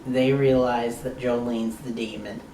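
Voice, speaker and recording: This man's casual review of a TV episode comes in a relaxed, unhurried drawl, full of a fan's rambling excitement and the odd swear word. His mid-range voice is mellow and steady, captured from afar in a spacious, reverberant room with faint ambient noise.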